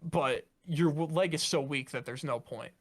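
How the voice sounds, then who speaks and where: A man's voice: fairly high pitch, moderate pace. A young man co-hosting a podcast, chatting casually about football with many fillers and restarts. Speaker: podcast co-host. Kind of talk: casual sports chat.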